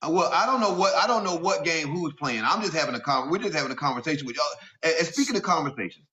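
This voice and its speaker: Middle-aged man, live-stream host, slightly high pitch, halting, accusing, muffled lo-fi recording. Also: expressive, bright, forceful tone. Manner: halting, many restarts and fillers, accusing. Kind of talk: confrontational questioning. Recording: muffled lo-fi audio.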